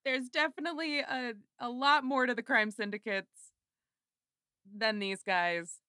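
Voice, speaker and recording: A woman's voice: a little high, measured pace, pushed and bright, no room sound, clean studio sound. A hungover woman podcast host chatting casually, fumbling for words and prone to giggling. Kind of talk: casual fan podcast chat.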